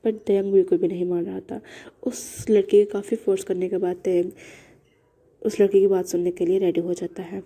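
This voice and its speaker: Husky-voiced woman telling a story. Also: mid-range voice, flat delivery, warm tone. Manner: halting, corrects herself mid-sentence. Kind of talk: casual fan-fiction storytelling.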